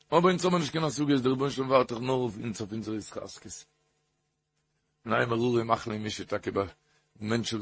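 Man, husky voice; halting, repetitive Torah talk that swings into sing-song emphasis. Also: fairly high pitch, no echo. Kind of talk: Yiddish-flavored Torah talk with stories.

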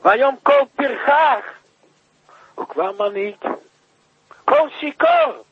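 A man preaching by telling a story with emotion, rising now and then to loud, high cries. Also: huge pitch swings, breathy edge, no room sound, muffled recording. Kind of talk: storytelling sermon.

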